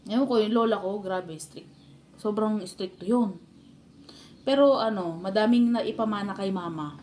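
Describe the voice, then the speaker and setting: On her live stream, a Filipino-accented woman tells family stories and laughs often in a casual chat with viewers. She has a mid-range, darkish voice at a normal speed, with a bit of hiss or hum in the audio.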